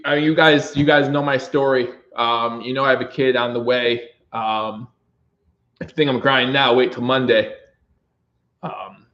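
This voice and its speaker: A man's voice: medium pitch, reverberant, lo-fi sound. A young man hosting a fan livestream, giving emotional play-by-play and reading out chat comments. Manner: emotional, swinging from choked-up talk to excited calls; reads out viewer chat comments. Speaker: livestream host.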